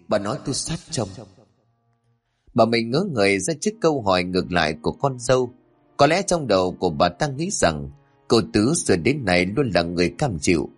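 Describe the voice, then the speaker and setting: A man narrating a horror story in a dramatic, expressive way. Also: on the low side, breathy edge.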